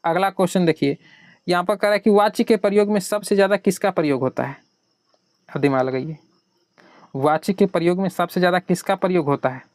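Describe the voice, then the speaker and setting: Male tutor with a Bihari Hindi accent, slightly high voice, asks the class questions and answers them himself. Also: a little fast, darkish tone, no room sound. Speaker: exam prep teacher. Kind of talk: online exam lesson.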